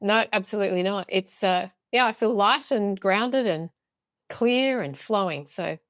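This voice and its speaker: A woman's voice: medium pitch, a little slow, no room sound. Upbeat woman hosting a podcast. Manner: enthusiastic, upbeat. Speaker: podcast host. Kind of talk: podcast interview.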